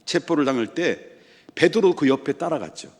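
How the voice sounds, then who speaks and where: A man's voice: a little high, lively intonation, moderate pace, big-room sound. A male pastor delivering a sermon, emphatic, asking rhetorical questions and repeating phrases. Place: church sanctuary.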